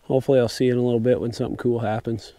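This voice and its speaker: A young man vlogging while fishing from a river sandbar at night, talking to himself in a relaxed, wry way, recorded outdoors on a camera mic. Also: mid-range voice, very fast. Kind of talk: casual outdoor vlog narration. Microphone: camera-mounted mic, sometimes off-axis.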